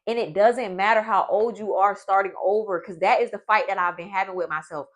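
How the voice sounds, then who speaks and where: A woman's voice: mid-range voice, steady tone, a little fast. A woman, giving a blunt, profane motivational pep talk in a vlog. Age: 20s. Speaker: vlogger.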